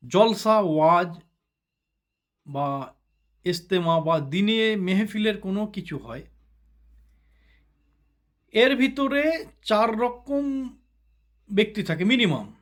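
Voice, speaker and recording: A man's voice: high voice, lively intonation, slow, long pauses. A man giving a sermon-style religious talk, explaining step by step and often checking with the listeners. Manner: explains step by step, asks the listeners "ঠিক আছে?". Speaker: religious speaker.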